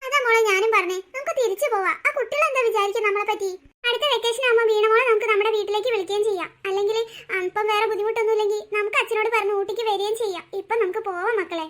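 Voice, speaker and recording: This is a patient young mother from a cartoon story who coaxes and soothes her children, as a woman voices her. The voice sits very high and moves briskly. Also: fairly even intonation, fairly bright tone. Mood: soothing. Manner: soothing, coaxing. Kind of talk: cartoon voice acting.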